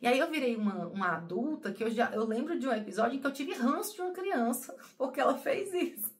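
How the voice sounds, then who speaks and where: A woman's voice: sits high, expressive, quick pace. A woman talking to her viewers in a personal, emotional monologue. She rambles, repeats herself and often calls her audience "gente". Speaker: spiritual channel host.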